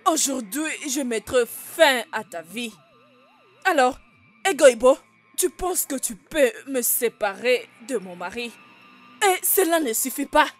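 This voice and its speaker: A woman's voice: high voice, lively intonation, a little slow, soft background music. A woman voicing a jealous, scheming wife in a French film dub, speaking in a harsh, commanding way. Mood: menacing. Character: jealous, scheming adult wife, cruel and threatening.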